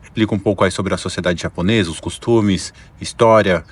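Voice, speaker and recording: A man's voice: low-pitched, a little fast, breathy edge. A man with a Brazilian Portuguese accent, hungover and worn-out, talking casually as he hosts an explanatory vlog. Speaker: video channel host.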